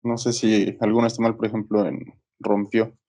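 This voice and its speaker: Hesitant low-voiced male student. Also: little pitch movement, moderate pace, warm tone. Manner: hesitant, unsure answers. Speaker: workshop participant.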